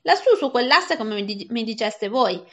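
A woman's voice: fairly high pitch, expressive, normal speed, fairly bright tone. Woman doing a naive young kitchen boy. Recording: dull lo-fi recording.

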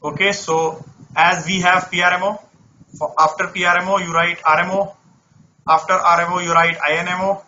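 A man's voice: high-pitched, flat delivery, normal speed, bright, forceful tone, muffled recording, a little hiss or hum. A man from India teaches an interactive online maths lesson conversationally, often repeating words and phrases. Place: online class over screen share.

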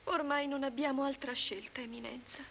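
An actress playing a dramatic, excitable wife who tells her story with theatrical flair, in a film comedy. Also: sits high, normal speed, vocal fry, a little hiss or hum. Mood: hushed.

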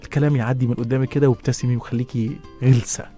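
A middle-aged man with an Egyptian accent, hosting a casual radio advice show and answering listeners, with quick restarts and lively asides. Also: medium pitch. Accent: Egyptian Arabic. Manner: fast, lively, stumbling restarts and laughs. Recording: radio studio with faint music behind.

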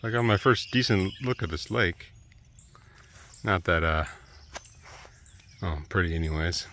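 A thru-hiker vlogger in his thirties films himself on a wooded trail, his low voice bright and forceful at a measured pace. He rambles and trails off with fillers into an earbud mic, phone held at arm's length, with a little hiss or hum in the audio.

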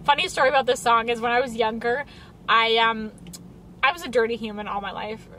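A woman vlogging from inside a car in casual chat, giggly and chatty, her voice hoarse and raspy. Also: on the high side, steady tone, brisk, bright, forceful tone, slight background noise, low-quality recording. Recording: car interior with music playing. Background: music playing in the car.

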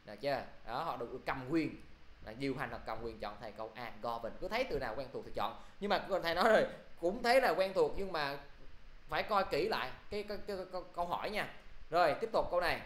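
A man's voice: fairly high pitch, expressive, fast talker, fairly bright tone, reverberant. A male teacher quizzing his class through an English review, often checking if they follow. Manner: quizzing students, repeating "được chưa?".

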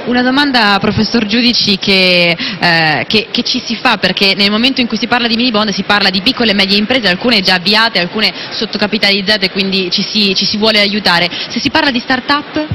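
A woman, a TV interviewer asking brisk questions. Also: medium pitch. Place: convention hall TV set, indoors. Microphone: handheld. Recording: broadcast audio with background noise.

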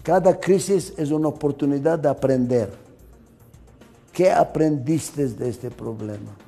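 An older male lecturer with a mellow, somewhat high voice, speaking emphatically and repeating key words, posing rhetorical questions to his listeners. His grammar slips slightly like a non-native speaker's. Faint music plays underneath. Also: unhurried, gravelly. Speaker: management lecturer.

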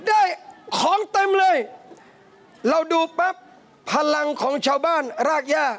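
A man with a strikingly high voice preaches a lively sermon to a live audience, telling animated stories. He keeps turning to his listeners as brothers and sisters. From southern Thailand. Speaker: Islamic preacher. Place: cafe hall, live talk.

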